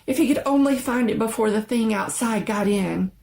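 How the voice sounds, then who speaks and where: A woman giving a dramatic, suspenseful reading of a scary story, with theatrical and deliberate phrasing. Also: on the high side, vocal fry, darkish tone. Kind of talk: dramatic scripted story narration.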